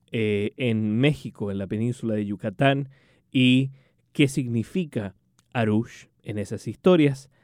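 A man reading a scripted introduction to a radio interview he conducted, in a measured way. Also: medium pitch, a little mellow, no room sound, clean studio sound.

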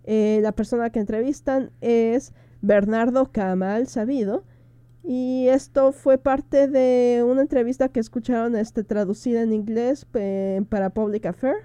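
A woman co-hosting a radio show, chatting in a relaxed way and introducing segments. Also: fairly high pitch, measured pace, clean tone, no room sound. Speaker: radio co-host. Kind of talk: conversational radio talk.

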